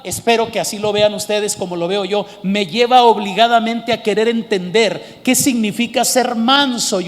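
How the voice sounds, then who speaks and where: High-pitched emphatic preacher in a hall. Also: male voice. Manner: emphatic, asks the congregation questions. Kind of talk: sermon. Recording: long hall reverb.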